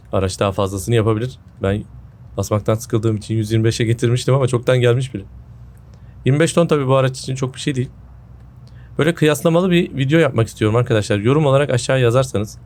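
A gaming video host gives casual gameplay commentary on a headset mic in an indoor room at home. He's sick with a sore throat, leaving his medium-pitched, slightly mellow voice a bit off.

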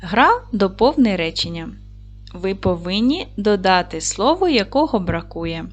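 A woman's voice: mid-range voice, very animated, a little slow, muffled recording. A woman teaching a recorded lesson to young children. She is patient and encouraging, asks questions, and answers them herself. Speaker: primary school teacher.

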